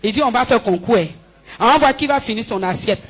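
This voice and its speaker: A woman giving a spoken healing testimony in church, telling her story with lively, acted-out dialogue. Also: on the high side, fast talker. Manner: animated storytelling, acting out dialogue with the pastor. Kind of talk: spoken testimony before a congregation.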